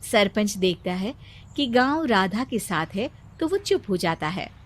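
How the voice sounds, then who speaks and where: A woman narrating a cartoon story in a calm, storytelling way. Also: medium pitch, unhurried, dry recording.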